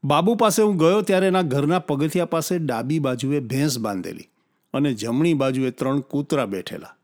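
Man narrating a story, higher voice. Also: animated, moderate pace, darkish tone.

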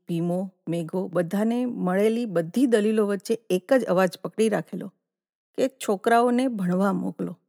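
A woman's voice: mid-range voice, warm tone, no echo, studio quality. Woman reading a literary village story. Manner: measured literary reading with voiced dialogue. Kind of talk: scripted narration of a short story.

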